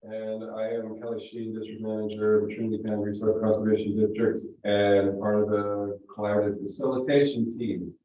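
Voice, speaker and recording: Over a remote call line that sounds echoey, distant and phone-like, a man calls roll for a hybrid meeting. His fairly low voice is flat and a little fast with few pauses, yet he keeps hesitating with ums and uhs, sounding muffled and hollow, as if from the bottom of a well.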